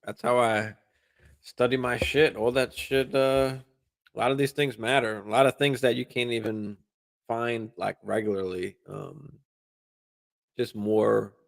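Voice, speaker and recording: A man hosting a live fantasy football stream, answering viewer questions in a relaxed, casual way, swearing freely and using lots of fillers and restarts. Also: lowish voice, creaky. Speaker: fantasy football show host.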